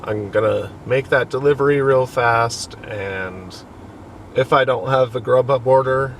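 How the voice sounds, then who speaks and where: A man's voice: medium pitch, unhurried, fairly bright tone. Casual male vlogger, noisy car background. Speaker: food delivery driver vlogger. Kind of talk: casual vlog update to viewers. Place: in and around a car, between deliveries. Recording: clear car and street noise.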